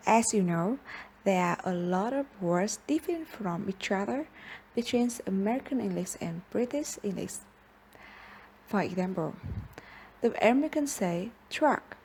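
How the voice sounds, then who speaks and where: A young woman, a native Vietnamese speaker, giving a class presentation and reading out word lists slowly and carefully. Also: mid-range voice, darkish tone, slight background noise. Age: young adult. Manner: slow, careful reading with pauses between listed words. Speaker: student presenter.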